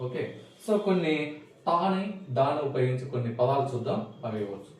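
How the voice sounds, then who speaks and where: A man's voice: medium pitch, expressive, a little fast. Man teaching in a very echoey room. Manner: patient, explains step by step with repeated questions. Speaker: Tamil teacher. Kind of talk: teaching a lesson in Telugu. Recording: echoey room, mic at a distance, faint noise.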